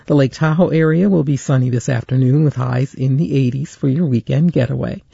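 Tinny clock-radio male announcer, gravelly. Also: mid-range voice, no room sound. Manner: measured, even announcer delivery. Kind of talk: reading weather and station identification.

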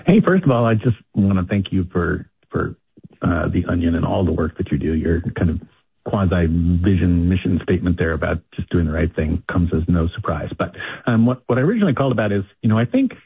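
A man calling in to a radio show, earnest and halting with many fillers and repeats, heard over a phone line. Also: low-pitched, animated, creaky, breathy edge, no echo. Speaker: caller. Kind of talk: radio call-in.

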